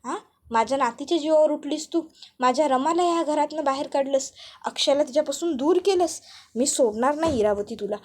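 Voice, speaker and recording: A woman doing a fierce older woman's loud accusations. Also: sits high, a little fast, close to an everyday voice. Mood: furious.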